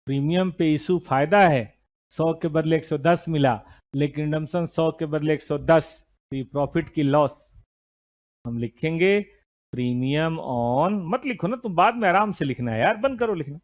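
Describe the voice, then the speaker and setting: A middle-aged man teaching an accounting lesson to a classroom of students, lively and scolding now and then. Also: a little high, normal speed. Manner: lively, scolding students, mixes Hindi and English terms. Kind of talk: classroom lecture.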